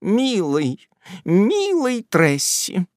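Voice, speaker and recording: A man voicing a hysterical, sentimental unmarried aunt in an audiobook, shrill and gasping. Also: lively intonation, slow, dry recording, clean studio sound, heavily acted. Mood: tender. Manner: wailing and exclaiming. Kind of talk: audiobook character voice.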